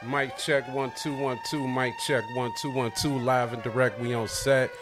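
A man's voice: mid-range voice, fairly even intonation, moderate pace. A man hosting a casual hip-hop podcast, talking loosely and hyped with lots of slang. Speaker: podcast host. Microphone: livestream podcast setup.

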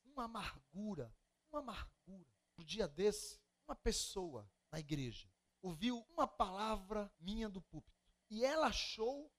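A Brazilian man preaching a sermon as pastor, animated, with sudden loud outbursts. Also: high voice. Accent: Brazilian Portuguese. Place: church.

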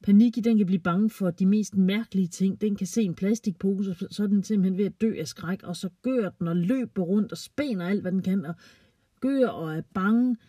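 A woman gently reading a children's story aloud, playfully voicing the characters. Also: medium pitch, breathy edge, no echo, recorded from a distance.

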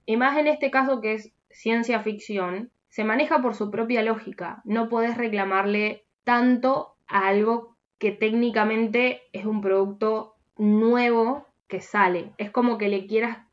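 A woman's voice: a little high, steady tone, measured pace, hardly any pauses, lo-fi sound. Chatty Rioplatense woman podcaster. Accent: Rioplatense Spanish. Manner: rambling, restarts, trails off into soft asides. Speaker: podcast co-host. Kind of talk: casual chat.

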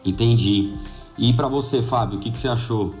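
A man's voice: mid-range voice, a little fast, a little mellow, faint music behind. A man with a Brazilian accent, hosting a podcast in a casual, conversational style. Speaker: podcast host.

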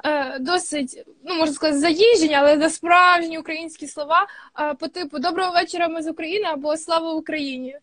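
Very high-voiced woman podcast host. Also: steady tone, fairly quick, hardly any pauses, fairly bright tone. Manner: checks her understanding with short questions. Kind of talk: casual interview.

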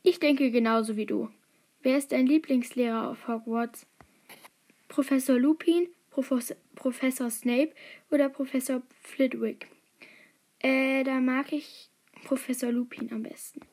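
A young woman with a high, light voice reads through an online quiz at home, gushing and giggling between answers. She gets excited quickly and now and then drops into a hushed whisper. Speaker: quiz taker reading aloud. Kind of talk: casual chat, reading a quiz and story aloud.

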